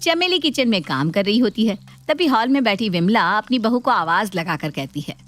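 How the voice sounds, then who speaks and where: A woman narrating a cartoon story in an even, storytelling way. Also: medium pitch, normal speed.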